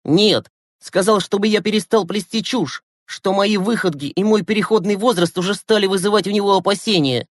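A man reading an audiobook, voicing a gloomy, cynical teenage boy who speaks in a sharp, bitter way. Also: high-pitched, brisk, no echo, clean studio sound, pitched above the performer's own voice.

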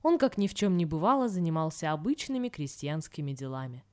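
A woman reading a folk tale aloud in an expressive storytelling manner. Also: low-pitched, brisk. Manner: expressive, sing-song storytelling.

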